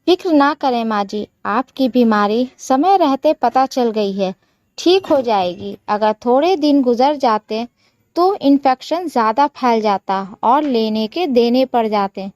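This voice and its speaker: A woman voicing a dutiful young daughter-in-law who is studying to be a doctor, speaking politely and gently in a slow storybook telling. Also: fairly high pitch, animated, no echo. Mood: reassuring.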